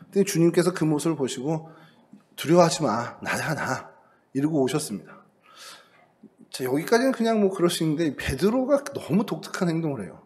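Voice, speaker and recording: A man's voice: on the high side, expressive, fast, darkish tone. A middle-aged man giving a sermon as a pastor, in a conversational storytelling manner that brings scripture and family life close to the listener. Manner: conversational storytelling, acts out quoted lines.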